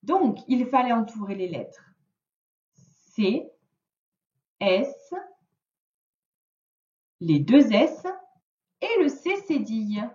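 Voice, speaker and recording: A woman with a French accent, giving a recorded reading and spelling lesson to a child with slow, deliberate word-by-word dictation. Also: a little high, very animated, dark tone, far from the mic. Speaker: teacher. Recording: dull lo-fi sound in an echoey room.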